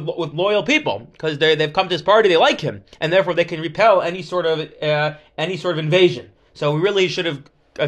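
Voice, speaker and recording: Man, high voice, Talmud teacher, reads then translates, asks and answers questions. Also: fairly bright tone. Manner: explanatory, stop-and-start, poses questions and answers them. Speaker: religious teacher giving a Talmud class.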